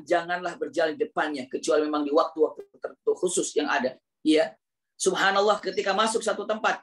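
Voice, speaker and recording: A male Islamic preacher, giving a slow, emphatic sermon that repeats phrases and acts out dialogue. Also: sits high, fairly bright tone. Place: mosque study gathering.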